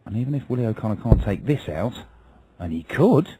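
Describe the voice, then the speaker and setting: A man's voice: lowish voice, big pitch swings, fairly quick, mellow, slight background noise. A man giving live darts commentary, calling the play in punchy, reactive phrases.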